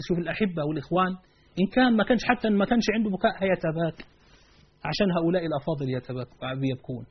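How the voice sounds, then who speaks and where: A man's voice: a little high, husky. A man with an Egyptian Arabic accent giving a religious lesson, speaking emphatically and asking his listeners rhetorical questions. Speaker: preacher. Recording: dull lo-fi recording.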